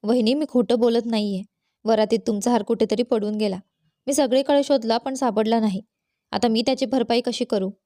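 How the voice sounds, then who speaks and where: Storybook figure: a woman reading a kind, pleading young sister-in-law, fairly high, mellow. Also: fairly even intonation, normal speed, no room sound, studio quality, lightly acted. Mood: earnest. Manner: earnest, pleading.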